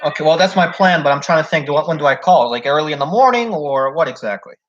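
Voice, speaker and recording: A man's voice: a little high, animated, fast talker, fairly bright tone, slight background noise. A young man in casual chat, retelling a job situation at length with lots of "like" and "so". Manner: rambling retelling full of "like" and "so". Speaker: job applicant telling a story. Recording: dull lo-fi recording.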